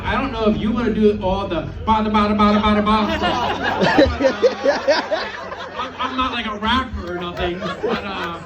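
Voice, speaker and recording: A man casually presenting auction items to a crowd in an informal, unscripted, slightly hesitant way. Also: high-pitched. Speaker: car designer presenting charity auction lots. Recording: echoey, dull, distant mic with music.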